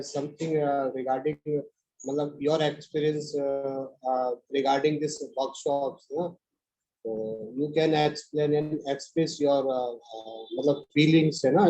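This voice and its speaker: A man with an Indian accent hosting an online session unscripted, in a halting, repetitive way. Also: a little high, dark tone. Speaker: workshop host. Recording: dull lo-fi web conference audio.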